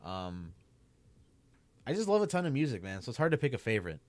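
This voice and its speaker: This young streamer and YouTuber from around Chicago talks a little fast at a medium pitch, with big swings in his pitch and no echo. He rambles casually to his stream as he games, his Chicago accent full of "like" and "man."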